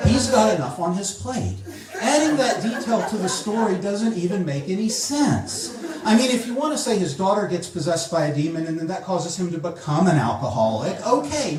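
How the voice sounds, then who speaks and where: A man performing a comedic spoken-word piece at a poetry slam, mocking and exasperated, breaking into shouted impressions. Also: high-pitched, recorded from a distance. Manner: exasperated, mocking, acts out quoted lines with shouts. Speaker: slam poet. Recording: echoey room recorded from afar.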